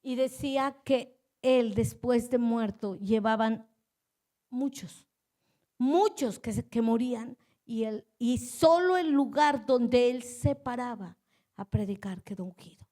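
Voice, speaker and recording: A woman's voice: on the high side, takes it slowly, dark tone. A woman pastor preaching a sermon earnestly, repeating her phrases and putting questions straight to her listeners.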